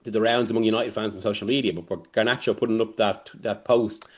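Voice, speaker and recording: In a steady, lowish voice, a man offers football analysis as a visiting journalist. He talks haltingly, wandering and cutting himself off mid-thought as he works his way toward his point.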